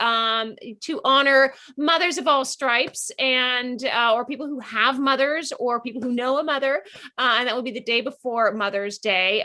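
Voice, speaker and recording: A woman hosts a conversation with a friend over a video call. Her voice is bright and fairly high-pitched, and she talks in a gushing, chatty way that keeps breaking into laughter. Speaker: interviewer and co-author. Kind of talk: casual chat on a video call.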